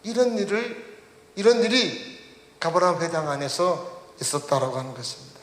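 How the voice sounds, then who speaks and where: A man's voice: fairly high pitch, expressive, normal speed. A male pastor preaching a sermon, putting questions to the congregation and leading them through reading the text aloud. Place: church sanctuary. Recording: echoey church hall reverb.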